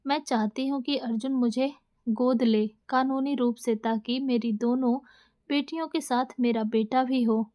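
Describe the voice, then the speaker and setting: A tender older mother from the village, soft-spoken and full of feeling, as a woman reader puts her on. Her voice sits fairly high and stays close to the narrator's own. This is a storybook voice, emotional and never theatrical. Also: fairly even intonation, unhurried, close to an everyday voice. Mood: earnest.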